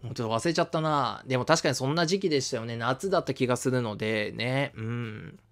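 A man from Shizuoka hosting a history live stream, reading viewer comments in a casual, friendly way with lots of fillers. He calls his own voice fairly high. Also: quick pace, a bit bright. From Shizuoka, Japan. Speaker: history channel host.

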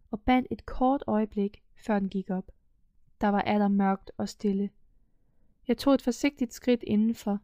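A young woman reading a first-person audiobook in a calm, measured way, dropping to a hush in tense moments. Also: mid-range voice, dry recording. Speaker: audiobook narrator.

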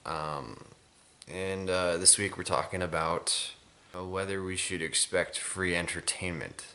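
A man in his twenties with a low, bright-edged voice. He sounds weary and drowsy, rambling hesitantly as he chats casually to a camera in a small room. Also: steady tone, a little slow. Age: 20s. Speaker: video blogger. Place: small room indoors at home.

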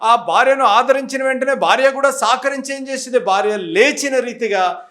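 High-voiced emphatic preaching man. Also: normal speed, a bit bright. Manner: emphatic, rhetorical questions, mixes in English phrases. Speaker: pastor. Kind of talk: sermon.

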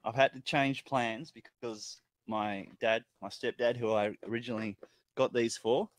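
A man's voice: medium pitch, fairly even intonation, moderate pace, no room sound. A man in his thirties with an Australian accent, chatting casually in a laid-back, blokey way on a livestream. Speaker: chilli challenge livestream guest. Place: indoors at home, on a video call.

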